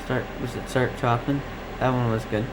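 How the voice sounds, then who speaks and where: Chatting loosely with his live-stream audience, this Canadian radio enthusiast wanders from thought to thought as he responds to comments. He speaks at a normal pace with a medium pitch and fairly even intonation, and there's noise in the background.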